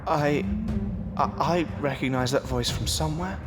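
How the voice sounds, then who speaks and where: A man's voice: fairly high pitch, normal speed, natural voice. A man playing a seasoned, protective time-travelling adventurer in an audio drama, explaining things theatrically. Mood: uneasy. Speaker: lead actor in a fan audio drama. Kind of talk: scripted audio drama acting. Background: music.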